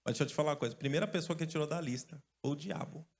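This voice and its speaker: A male pastor from Brazil preaching a lively sermon, joking and calling out to his congregation. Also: a little high, very fast. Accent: Brazilian Portuguese. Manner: lively, joking storyteller who calls out to the congregation. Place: church stage.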